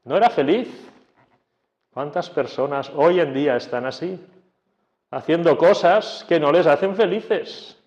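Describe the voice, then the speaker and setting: A man's voice: on the high side, animated, unhurried, a little mellow, lo-fi sound. A male preacher, giving a conversational sermon full of rhetorical questions. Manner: conversational, dramatizing with quoted voices and rhetorical questions.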